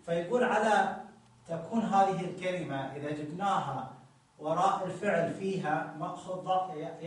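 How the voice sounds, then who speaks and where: A man's voice: a little high, distant mic. A male teacher explains a grammar text patiently, reading a line and then going over it again and again. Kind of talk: explaining Arabic morphology. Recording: very echoey room, voice from the mic.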